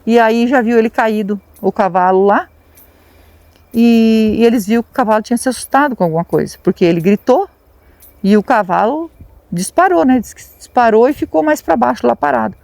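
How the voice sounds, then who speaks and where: A woman's voice: fairly high pitch, a little fast, gravelly, darkish tone, no echo. A Brazilian woman retelling a local legend outdoors at dusk, chatty and repeating words for emphasis. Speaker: paranormal vlogger. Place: outdoors at a rural site at dusk.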